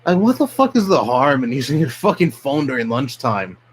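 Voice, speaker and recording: A man's voice: medium pitch, big pitch swings, fairly quick, slight background noise, low-quality recording. A young man from New York City, a streamer ranting bluntly and profanely in casual live-stream chat. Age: young adult.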